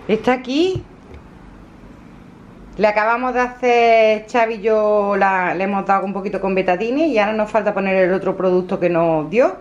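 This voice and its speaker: A woman's voice: medium pitch, highs cut off. A woman in her fifties talking casually to a phone camera at home in a home vlog, chatty and affectionate, rambling with fillers. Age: 50s. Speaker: vlogger. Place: at home, indoors.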